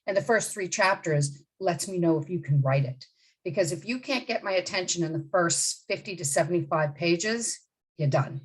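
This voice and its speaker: A woman's voice: fairly low pitch, lively intonation, moderate pace, husky, poor audio. A woman in her fifties from the Bahamas, a literary agent answering interview questions in a direct, emphatic way. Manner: direct and emphatic, with many asides and restarts.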